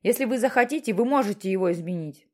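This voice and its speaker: A woman's voice: mid-range voice, animated, quick pace, lightly acted. A woman voicing a stern, mysterious voice from the sky that questions and lectures insistently.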